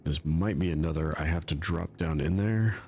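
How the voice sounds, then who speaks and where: A man's voice: very deep voice, moderate pace, a little mellow. A man streaming a game live, rambling in a self-mocking way and chatting with his viewers. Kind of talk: casual live-stream commentary.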